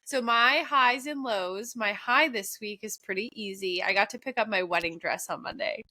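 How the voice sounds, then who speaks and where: A young woman co-hosting a casual podcast chat, her voice nasal and congested from allergies, chatty and quick to laugh. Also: mid-range voice, no room sound. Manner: lively, chatty, laughs often. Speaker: podcast co-host.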